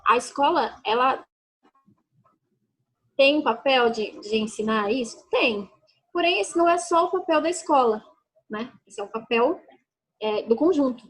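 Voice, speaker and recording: Woman educator talking through her answers, slightly high and husky, keeps checking in with "né?". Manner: explanatory, frequent "né?" tag questions. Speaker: educator guest. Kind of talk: conversational interview answers.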